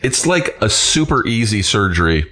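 A man hosting a podcast in casual chat, blunt and quick to swear while telling stories. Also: on the low side, sing-song, sharp tone, a little hiss or hum. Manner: blunt, swears freely, storytelling. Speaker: podcast host.

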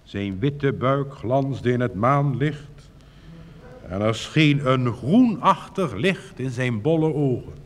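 Slow lilting male storyteller. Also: medium pitch, expressive. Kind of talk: reading a fairy tale aloud. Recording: reverberant recording with faint hiss.

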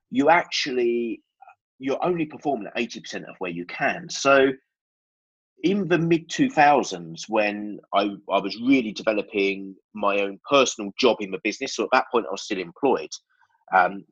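Speaking in an Essex accent, this man has a medium-pitched, husky voice, and the audio sounds dull. He is a business owner from Essex, England, answering candidly and explaining things as a guest on a conversational podcast interview.

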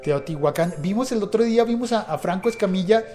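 Rambling podcast host man, slightly high voice. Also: animated, fast, dark tone, soft background music. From not from Mexico. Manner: rambling, frequent restarts and hesitations, playful storytelling. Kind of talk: casual podcast chat.

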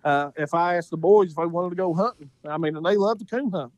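A man's voice: a little high, fast talker, a little mellow, no echo. A man with an Appalachian accent talking casually as an interview guest, telling hunting stories in a folksy way and repeating phrases for emphasis. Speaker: podcast guest, coon hunter.

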